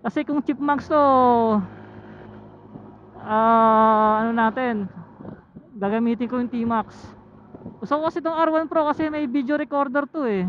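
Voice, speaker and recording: While riding a motorcycle outdoors, a medium-pitched motovlogger with a Filipino accent reviews camera gear, chatting casually and thinking aloud in short, halting phrases. He talks through a helmet intercom headset, so the audio is tinny and full of road noise.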